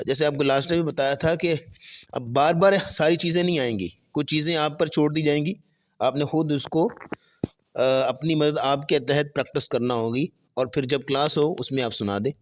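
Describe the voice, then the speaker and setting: A man with a slightly high voice teaches Quran pronunciation in a tajweed lesson with spoken drills. He explains step by step, stretches letters slowly during the drills, and mixes in English terms.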